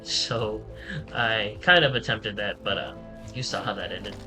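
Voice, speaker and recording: A man giving a relaxed, rambling, self-deprecating let's-play tutorial commentary. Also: lowish voice, measured pace, low-quality recording. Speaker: gaming channel host. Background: game music.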